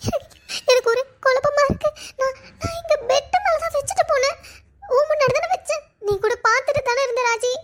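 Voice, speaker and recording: A woman's voice: very high voice, a little fast, fairly bright tone, faint music behind. A woman voicing a flustered young woman in a cartoon drama, stammering and pleading through tears. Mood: tearful.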